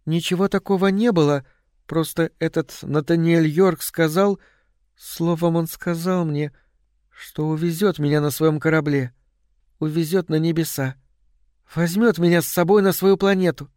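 A man doing a soft, dreamy Martian wife. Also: a little high, fairly even intonation, normal speed, no room sound, studio quality, voice pushed up, natural voice. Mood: evasive.

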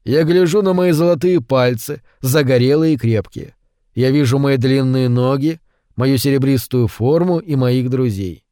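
A man reading a short story aloud, slow and brooding, raising his voice for the quoted lines. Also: medium pitch, no room sound, studio quality. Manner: slow, hushed and brooding, with louder acted quotes. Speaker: audiobook narrator. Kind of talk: scripted narration of a short story.

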